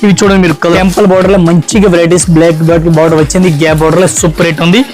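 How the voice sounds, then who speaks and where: A man's voice: a little high, little pitch movement, rapid-fire, over loud music, rough recording. A man showing sarees in a shop, with a repetitive sales patter. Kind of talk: product showcase pitch.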